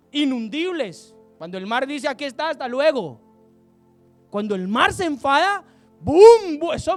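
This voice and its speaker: Fiery high-voiced male preacher. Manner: fiery, exhorting, rhetorical questions, bursts of shouting. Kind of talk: impassioned sermon.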